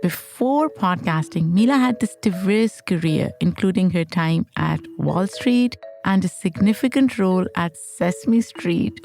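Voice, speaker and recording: A woman's voice: fairly low pitch, darkish tone. A woman from Pakistan hosting an interview podcast, speaking in a friendly, conversational way. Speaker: podcast host.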